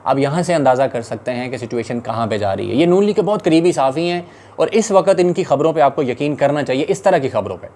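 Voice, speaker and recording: A man with a Pakistani Urdu accent delivers rapid-fire political commentary. His tone is urgent and indignant, at a middle pitch. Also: animated, dark tone.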